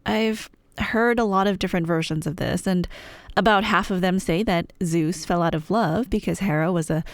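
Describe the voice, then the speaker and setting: An audio roleplay performer plays a chatty, playful, nerdy girlfriend telling myths in a scripted ASMR piece, rambling casually through the story in a wry, irreverent, slangy way. Her voice sits on the low side at a moderate pace, recorded in studio quality with no room sound.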